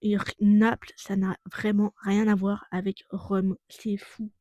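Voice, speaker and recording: A woman's voice: medium pitch, little pitch movement, a little slow, warm tone, low-quality recording. A young woman chatting casually in a travel vlog, full of fillers and self-corrections. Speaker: vlogger.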